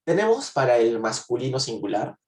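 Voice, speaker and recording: A man's voice: medium pitch, sing-song, moderate pace, a little mellow, far from the mic. Patient man teaching in a roomy space. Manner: patient, repeats and checks understanding. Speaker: French teacher. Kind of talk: online language lesson.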